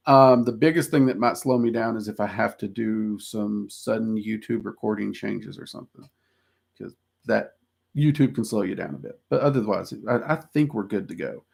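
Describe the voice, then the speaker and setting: A lowish male voice with vocal fry carries a Southern United States accent. He's casually livestreaming, rambling through answers to viewers' questions, running himself down and peppering his speech with ums.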